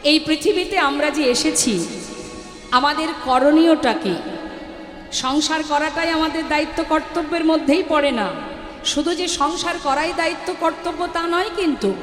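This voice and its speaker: High-voiced woman preaching in an echoey hall. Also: a bit bright. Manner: sing-song call-and-response chanting, then earnest, scolding sermon. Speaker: kirtan singer and preacher. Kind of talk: devotional chanting and preaching to a live audience. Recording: echoey hall with accompanying music.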